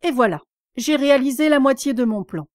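A woman's voice: high-pitched, animated, fairly quick, darkish tone, no room sound, studio quality. A woman reading aloud voices a frank, indignant little girl who sometimes hesitates. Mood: earnest.

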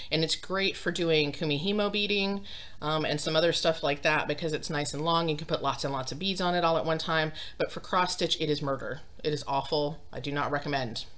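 At home in her craft room, a woman in her thirties chats to a webcam about her cross stitch, rambling with frequent ums and self-deprecating laughs. Her low voice has a fairly bright tone, and she sounds congested.

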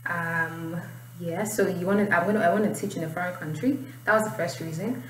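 Fairly quick and lowish in voice, a young Nigerian-accented woman teaches IELTS writing in an informal style, explaining and reading aloud. Her small indoor room, picked up by a distant mic, gives a roomy recording with faint noise.

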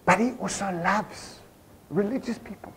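A man with a South African accent preaching a sermon in church, animated and full of rhetorical questions to the congregation. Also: high voice, normal speed, slightly rough. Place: church service.

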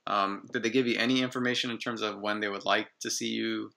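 Male podcast host on earphone mic, bright tone, easy questions. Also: fairly low pitch, fast, gravelly. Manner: frequent short backchannels, relaxed questions. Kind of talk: casual interview. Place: small room indoors. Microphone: earphone headset on video call.

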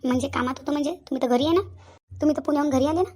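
In a cartoon voice-acting role, a woman plays an angry young fiancée, speaking very fast in a high voice with a Vidarbha Marathi accent. She hurls accusing questions and repeats them again and again, though her tone stays mellow and close to an everyday voice.

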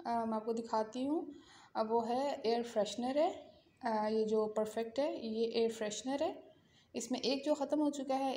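A woman's voice: a little high, mellow, slight background noise. Chatty Pakistani woman in an echoey room. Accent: Pakistani Urdu. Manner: chatty, talks straight to viewers. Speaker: vlogger. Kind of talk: casual home vlog. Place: home room. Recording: echoey room, faint ambience.

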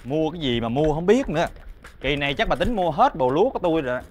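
A grumbling, skeptical husband who mocks his wife's rituals, rattling off quick complaints, as a man plays him on stage. His voice is fairly high and picked up from a distance on stage. The sketch has the tone of stage comedy. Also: lively intonation, a little hiss or hum, close to an everyday voice. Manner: grumbling, mocking.

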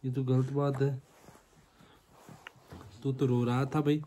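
A Himachali man talking on a casual home vlog, teasing his baby son in playful sing-song calls. His voice is dark and mellow, his pace is slow and unhurried, and a faint hiss sits behind him on the phone recording. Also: medium pitch, flat delivery.

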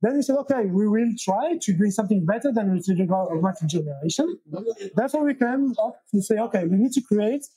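A man from Belgium in his thirties, speaking in a high, husky voice with a warm, dark tone. He talks haltingly, restarting often. Dry, close sound from a lapel mic. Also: animated, no room sound, poor audio. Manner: halting, many restarts and fillers. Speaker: guest, software engineer and founder. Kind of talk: casual interview. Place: small wood-paneled room, indoors.

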